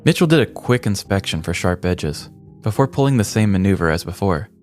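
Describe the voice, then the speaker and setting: This podcast host's voice is low, darkish, animated and brisk as he spins a scripted comic story in an exaggeratedly dramatic, flowery, mock-solemn manner. Music runs underneath him.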